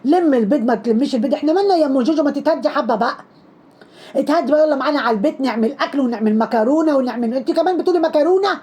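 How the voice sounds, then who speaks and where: Fast, mocking Egyptian woman. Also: high-pitched, mellow. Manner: scolding, mocking, heavy repetition. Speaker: social media commentator. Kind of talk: sarcastic commentary on trending videos.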